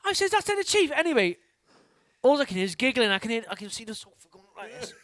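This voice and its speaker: A man, a band member guest, telling a story in casual podcast chat. He swears freely and goes high-pitched when excited. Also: quick pace.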